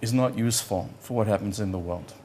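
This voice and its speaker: With a fairly low, slightly mellow voice and a quick pace, an older professor addresses a conference. Yiddish is his first language; he talks bluntly and conversationally, repeating himself and often stopping to search for the right word.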